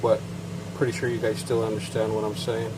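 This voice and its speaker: Walking casually through a technical setup, a bilingual English-Spanish certified payment terminal technician with a Chicano Mexican-American accent rambles with fillers and asides in this how-to demo. His voice is on the low side and monotone, a little fast, and the clip is very noisy.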